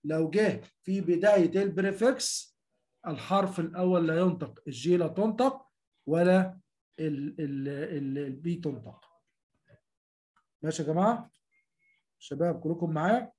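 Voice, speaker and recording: A man's voice: fairly high pitch, moderate pace, long pauses, darkish tone. A man with an Egyptian Arabic accent giving a lecture on medical terminology, drilling pronunciation syllable by syllable and often calling out to his class. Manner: repetitive, addresses students as a group, drills pronunciation syllable by syllable. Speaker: university lecturer.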